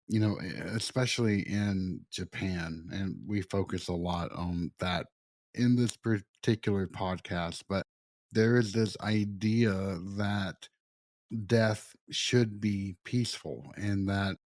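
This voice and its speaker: A man hosting a podcast interview, asking long, reflective questions in measured, formal wording. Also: low-pitched, fairly even intonation, darkish tone, no room sound. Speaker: podcast host.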